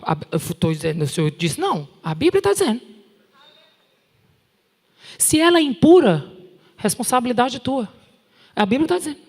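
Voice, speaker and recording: A woman with a Brazilian Portuguese accent preaching at a conference in an animated, direct, scolding way, with touches of humor. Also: fairly high pitch, moderate pace, pauses often, slightly rough. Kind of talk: sermon. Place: large church hall. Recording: long hall reverb.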